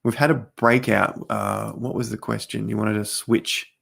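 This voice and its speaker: Host type: low, gravelly man, chatty livestream chart talk straight to camera, voice fraying and hoarse. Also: steady tone, a little slow, fairly bright tone. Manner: chatty, talks straight to viewers while walking through charts. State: losing his voice, coughing. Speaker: crypto market host. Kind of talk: casual livestream chart commentary.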